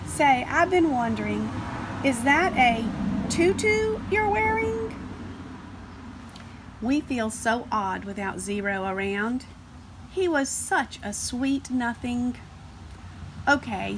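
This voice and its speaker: A woman voices a chatty, sentimental cartoon that counts numbers from a picture book, sounding earnest and easily excited. Her voice is high, and the recording is very noisy.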